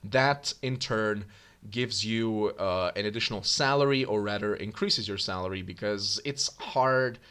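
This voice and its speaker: A man's voice: fairly low pitch, a little slow, a bit bright, clear, resonant tone. A man casually commenting while he plays a video game, chatty and thinking aloud, often correcting himself. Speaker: gaming YouTuber. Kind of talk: casual let's-play commentary.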